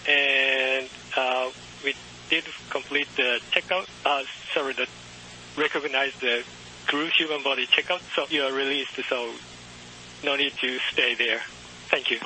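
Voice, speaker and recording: A man, a ground controller, speaking halting radio procedure over a faint, breaking-up space radio link. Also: mid-range voice, steady tone, bright, forceful tone. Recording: faint hissy radio from far off.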